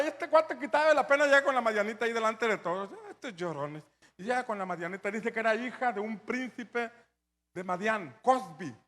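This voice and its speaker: A man preaching a sermon as pastor, telling the story with animated energy and building to shouts. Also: very high-pitched, in a large hall.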